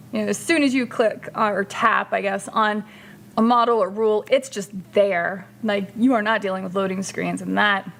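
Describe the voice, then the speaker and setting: A woman's voice: mid-range voice, fairly bright tone, a little hiss or hum. A woman hosting a casual livestream chat, reading out and answering viewer comments. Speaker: streamer hosting a hobby chat.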